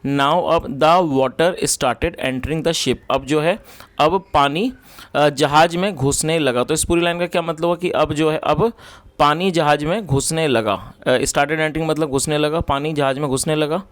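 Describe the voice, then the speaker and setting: Male English tutor, slightly high voice, patient line-by-line explainer. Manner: reads English phrases slowly, then explains in Hindi. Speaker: English teacher.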